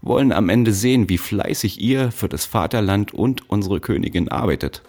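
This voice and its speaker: A man voicing a brutal factory overseer who shouts threats at child workers. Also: sits low, animated, a little slow, breathy edge, heavily acted. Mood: falsely sweet. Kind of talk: audiobook character voice.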